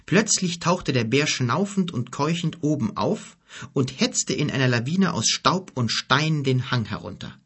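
A man reading a fantasy novel aloud as audiobook narrator, with steady, even storytelling. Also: medium pitch, a little slow, husky.

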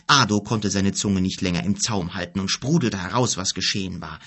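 A man reads a storybook aloud in a calm, even storytelling manner. His voice is low and slightly husky, with a steady, unhurried delivery. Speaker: audiobook narrator. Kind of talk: scripted storybook narration.

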